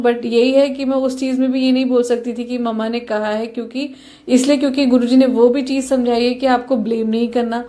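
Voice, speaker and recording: Earnest young woman talking to her fellow devotees, a bit high-pitched. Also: warm tone. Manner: earnest, addresses listeners directly. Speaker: devotee sharing a personal experience. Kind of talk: devotional testimony.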